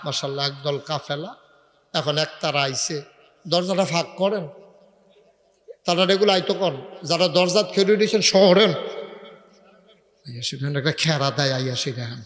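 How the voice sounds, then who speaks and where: A preacher, chanting rising lines and quizzing the crowd over a PA microphone. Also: male voice, on the high side, normal speed. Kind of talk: sermon with call-and-response. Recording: echoey loudspeaker sound in a large hall.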